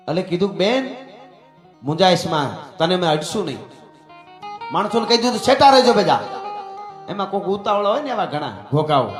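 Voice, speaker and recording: Rousing Kathiawadi folk storyteller, high voice. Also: male voice, a bit bright. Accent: Kathiawadi Gujarati. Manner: dramatic, rousing delivery with asides to friends. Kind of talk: dayro folk storytelling on stage. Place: stage at a live gathering. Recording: echoey hall with faint music.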